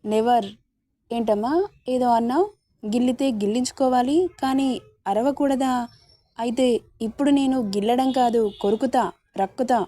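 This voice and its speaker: A woman's voice: on the high side, fairly even intonation, moderate pace, long pauses, warm tone, dry recording, lightly acted. A woman voicing a spirited, feisty young wife who talks back playfully, in a romance story reading.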